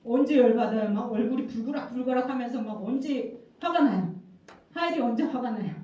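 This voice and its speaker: High-voiced woman preaching to children, echoey. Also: brisk, recorded from a distance. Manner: lively, coaxing, asks children questions and repeats key words. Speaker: children's pastor. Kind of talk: children's sermon with questions to the kids. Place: church worship room. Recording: very echoey room, voice from off-mic, dull sound.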